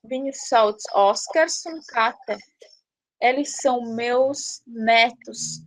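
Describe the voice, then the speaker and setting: A woman teaching a language lesson, pronouncing words slowly and carefully and explaining patiently. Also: on the high side. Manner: slow, careful word-by-word pronunciation.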